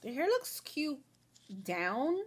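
A high-pitched voice with wildly swooping pitch and a slow pace belongs to a young beauty vlogger. Doing her makeup at home with a slightly sniffly sore throat, she rambles in a friendly get-ready-with-me chat, talking to viewers as "y'all" and "girl."

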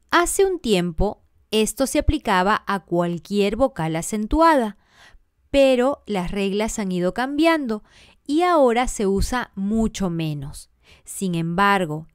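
A woman's voice: medium pitch, smooth, no echo, clean studio sound. A woman teaching a scripted grammar lesson, working through examples one word at a time and spelling out letters.

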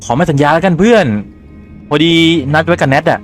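A man's voice: fairly high pitch, fairly quick, soft background music. A man with a Thai accent and a slight cold, casually commentating a horror game, swearing and reading game lines aloud. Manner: chatty, swears casually, reads game dialogue aloud in his own voice. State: has a cold, phlegmy throat. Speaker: gaming YouTuber. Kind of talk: casual let's-play commentary.

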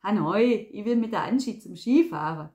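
A woman's voice: mid-range voice, animated, normal speed, warm tone, close to an everyday voice. A woman voicing a cocky male police detective who talks in a teasing way and slips into mock Swabian dialect.

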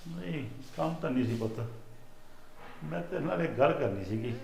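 Older village man, slightly high voice. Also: expressive, fairly quick, gravelly, reverberant. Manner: pleading and emotional, then loud and scolding. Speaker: widowed father-in-law in a village drama. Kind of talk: rural family drama acting.

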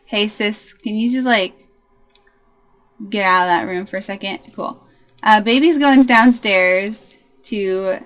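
Slow, bubbly woman gaming host. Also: medium pitch, clear, resonant tone. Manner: bubbly, chatty, talks to her game characters. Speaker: let's play host. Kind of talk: casual gameplay commentary.

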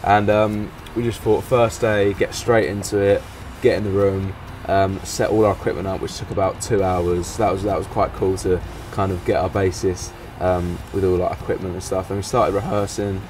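A young man with a London accent, casually recounting his band's first days in a relaxed, rambling way full of fillers. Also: sits low, normal speed, few pauses, recorded from a distance, slight background noise. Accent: London English. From England. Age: young adult. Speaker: band member. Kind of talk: casual recap interview. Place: outdoor garden seat in warm sun.

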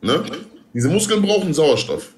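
A man with a fairly high, very lively voice talks on a casual group livestream. He coaches emphatically, in street slang peppered with Arabic oaths. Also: a little slow. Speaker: boxer giving fight advice.

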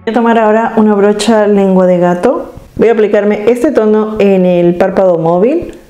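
A woman's voice: medium pitch, normal speed, dark tone, soft background music. A woman vlogging from home, casually talking viewers through applying eyeshadow and pointing out what she is doing step by step. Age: adult. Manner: chatty, demonstrative, addresses viewers directly. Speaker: beauty vlogger. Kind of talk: casual makeup tutorial.

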